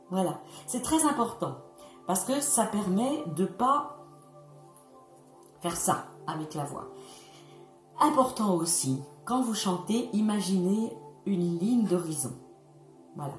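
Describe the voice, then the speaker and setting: A woman's voice: medium pitch, animated, unhurried, long pauses. A woman vocal coach giving a patient, instructive singing lesson, speaking directly to her viewers. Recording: echoey room with music behind.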